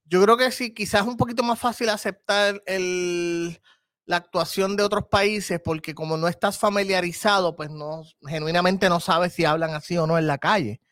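High-voiced Puerto Rican man, thoughtful. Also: steady tone, normal speed, fairly bright tone, dry recording, studio quality. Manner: thoughtful, hedging, mixes English words into Spanish. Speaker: podcast guest, comedian and film critic. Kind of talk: casual conversation.

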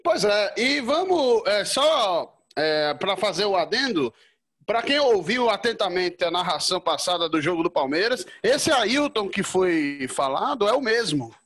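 Male co-host for a football history show, very high-pitched voice, conversational presenting. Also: sing-song, measured pace, fairly bright tone. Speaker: podcast co-host. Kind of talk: sports history talk.

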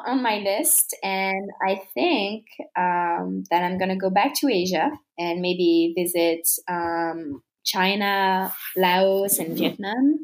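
A woman in her thirties speaks with a French accent in a relaxed conversational interview. She talks freely and warmly, dotting her sentences with fillers and easy laughter. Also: mid-range voice. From France. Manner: chatty, laughs often, many fillers. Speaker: interview guest.

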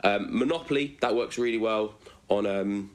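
A young man hosting a casual chat on a video call, relaxed and full of ums and uhs. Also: fairly low pitch, moderate pace. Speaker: host.

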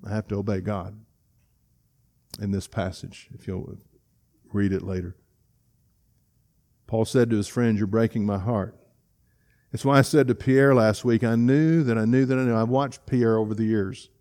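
A man's voice: mid-range voice, mellow. Earnest, emotional male pastor preaching. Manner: earnest, emotional, halting with restarts. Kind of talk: sermon. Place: church sanctuary.

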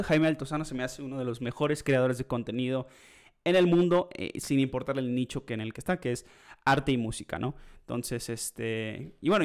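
A man's voice: medium pitch, clean tone. Chatty young man, rambling. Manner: rambling, chatty, many fillers and asides. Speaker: podcast host. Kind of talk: casual podcast chat.

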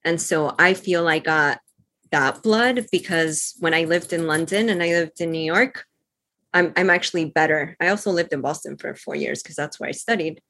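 Bright-voiced woman from Cuba, chatty. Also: sits low, moderate pace. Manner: agreeable, chatty. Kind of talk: casual video call chat. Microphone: video call.

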